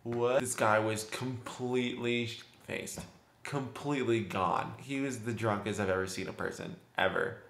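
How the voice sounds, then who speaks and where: A man's voice: fairly low pitch, normal speed, creaky, fairly bright tone. A young man vlogging, chatty, laughing often and acting out voices as he tells a story. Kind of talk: casual storytelling. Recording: roomy echo.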